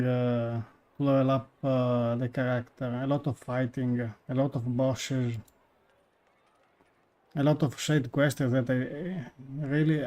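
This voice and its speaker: A game streamer offers casual live commentary indoors over game music, hesitating and searching for words in non-native English. His voice is medium-pitched and mellow.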